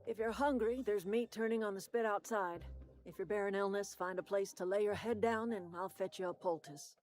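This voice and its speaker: An actress playing a proud, grandmotherly older herbalist who leads a settlement of outcasts in a video game, speaking in a measured, folksy, dignified way. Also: mid-range voice, darkish tone, close to an everyday voice. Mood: welcoming, wry.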